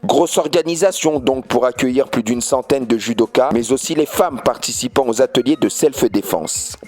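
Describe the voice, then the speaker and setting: A man reading a scripted news voice-over in a steady, formal delivery. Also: mid-range voice, normal speed. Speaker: news reporter. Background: music bed.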